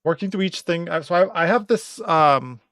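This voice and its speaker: A man's voice: fairly high pitch, animated, moderate pace, fairly bright tone, no echo, studio quality. A man streaming casually, thinking aloud as he works through his notes. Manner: thinks aloud while working.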